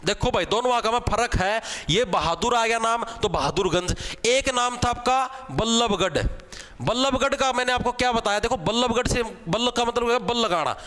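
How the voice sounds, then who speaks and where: Haryanvi guy running an online exam class, fairly high voice, jokey and chatty, keeps saying theek hai. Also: moderate pace, fairly bright tone. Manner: chatty, teasing, repeats "theek hai" as a check-in. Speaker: exam coaching teacher. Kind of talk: online class with joking memory tricks.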